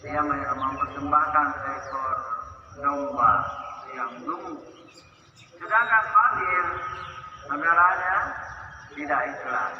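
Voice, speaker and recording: Man, preacher, mosque sermon, reciting Arabic verses, booming hall echo, faint background noise. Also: slow, pauses often. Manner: preaching, quoting Arabic verses and translating them. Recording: echoey hall from far off, dull.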